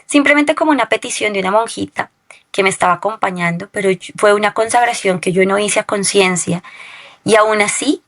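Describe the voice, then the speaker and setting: A woman recounts a personal testimony as an interview guest. She talks in a storytelling way and keeps checking in with her listener with a quick questioning tag. Her voice sits in a middle register. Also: mid-range voice, a bit bright.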